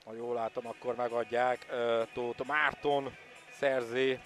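A man giving excitable live water polo commentary, openly behind the home side. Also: medium pitch, faint music behind. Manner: excitable, partisan home-side commentary, swelling at attacks and goals. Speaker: sports commentator.

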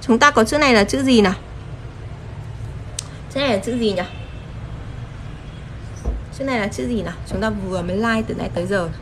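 A woman teaching a live-streamed kanji lesson, her voice sitting a little high. She is patient and keeps pausing to check in with viewers. A faint hiss runs under the recording. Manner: patient, checks in often with rhetorical questions. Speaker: Japanese teacher.

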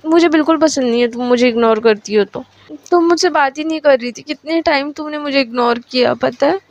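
A woman's voice: high voice, fairly quick. A woman voicing a sulky, tearful young woman who scolds her lover in a storybook romance. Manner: sulky, reproachful.

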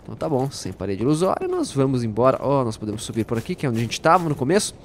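A man giving playful, jokey let's-play commentary, talking to his viewers and bursting out excitedly during fights. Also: mid-range voice, very fast, a little hiss or hum. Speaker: gaming YouTuber.

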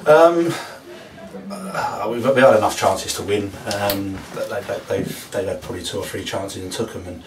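A young man, a footballer answering post-match questions in a hesitant, halting way. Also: on the low side. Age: young adult. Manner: hesitant, halting, many restarts. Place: club interview room, indoors. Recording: echoey, distant mic, loud hiss.

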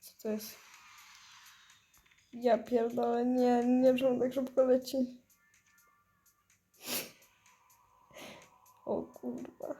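High-pitched stoned woman, slow and rambling. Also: flat delivery, mellow, faint music behind. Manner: stoned, dazed, giggly rambling; foul-mouthed. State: high on weed. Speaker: mobile game player. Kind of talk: casual gameplay commentary.

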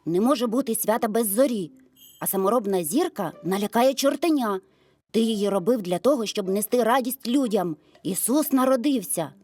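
A loyal, brave talking dog from a children's story, speaking earnestly and firmly, as a woman narrator puts him on. Her voice stays lively, with quiet music underneath. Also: a little high, normal speed. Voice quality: earnest, firm.

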